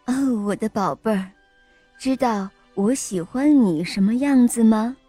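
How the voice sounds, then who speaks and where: A woman voicing a gentle, loving mother rabbit in a storybook, soft and soothing. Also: medium pitch, slow, no room sound, soft background music. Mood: tender.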